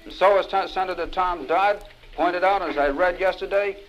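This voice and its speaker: A man delivers an impassioned political lecture, hammering his points home by saying them twice. His voice sits a little high for a man. He comes from an old vinyl record with a faint hiss of surface noise behind him. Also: moderate pace, dull audio. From United States. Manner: emphatic, repeats key phrases for stress.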